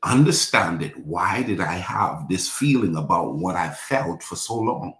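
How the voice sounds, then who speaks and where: This Bahamian pastor in his forties preaches in a low, animated, unhurried voice with a slightly bright edge, heard in an echoey room. He leads the congregation in affirmations, repeating his points in call-and-response style.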